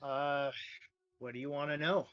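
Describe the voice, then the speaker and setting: A man's voice: fairly high pitch, steady tone, a little slow, lo-fi sound. A man playing a tabletop role-playing game, casually telling events as his character.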